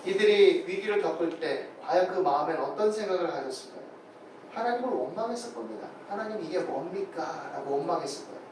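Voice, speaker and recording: A male pastor preaching a sermon in a church, animated, acting out quoted voices as he speaks. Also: high-pitched, fast talker. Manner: animated, acts out voices of God and people in quotes. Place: church sanctuary. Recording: very echoey hall, far from the mic, faint noise.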